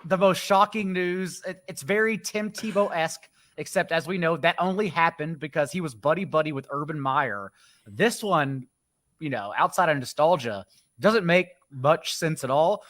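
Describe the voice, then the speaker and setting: A man hosting a casual sports podcast livestream, joking and brisk. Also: fairly high pitch, a bit bright. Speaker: host.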